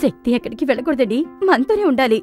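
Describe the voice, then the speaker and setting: An actress playing a sharp-tongued middle-aged mother in a film comedy scene, scolding and brisk. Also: sits high, lively intonation, faint music behind. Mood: coaxing.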